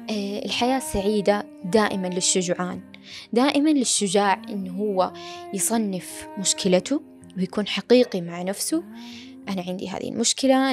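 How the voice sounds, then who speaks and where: A woman giving a motivational self-help talk, animated and fond of rhetorical questions she answers herself. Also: medium pitch.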